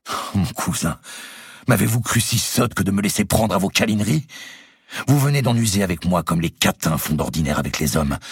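A man's voice: low-pitched, breathy edge, no room sound, clean studio sound, voice pushed up, heavily acted. A man voicing a defiant scornful noblewoman. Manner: scornful, sharp, rising to shouts. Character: proud defiant young noblewoman, scheming. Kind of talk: audiobook character voice.

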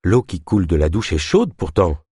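A man's voice: deep voice, very animated, moderate pace, mellow, husky, no room sound, clean studio sound, exaggerated voice. A man voicing a resolute young woman on the run who speaks in a level, practical way, in an audiobook. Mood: calm. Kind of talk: audiobook narration.

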